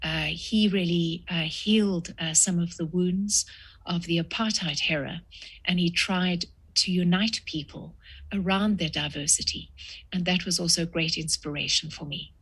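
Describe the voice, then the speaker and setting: Husky-voiced woman in her sixties. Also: on the low side, fairly even intonation, fairly bright tone. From South Africa. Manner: measured, frequent "uh" pauses. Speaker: guest author. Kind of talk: podcast interview.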